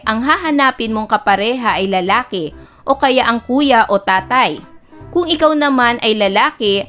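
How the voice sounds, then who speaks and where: A woman music teacher giving a recorded lesson to children, speaking slowly and clearly. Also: on the high side, a bit bright. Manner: slow, clear teacher talk, breaks into singing nursery songs.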